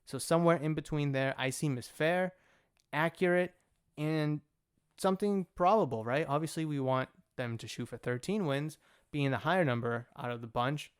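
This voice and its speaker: A man's voice: fairly high pitch, moderate pace, smooth. A young man hosting a solo sports talk podcast, opinionated and rambling, often correcting himself mid-sentence. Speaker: podcast host.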